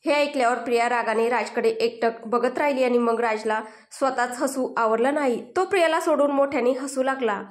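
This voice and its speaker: A woman narrating a romantic story in a steady, calm reading voice. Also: a little high, moderate pace. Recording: roomy echo.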